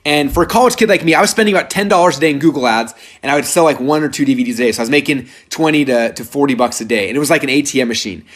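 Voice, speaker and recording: An energetic man in his thirties hosts a live sales webinar, storytelling at a rapid clip. His delivery rambles, full of fillers and restarts, and his voice sits at an ordinary middle pitch. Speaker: webinar presenter.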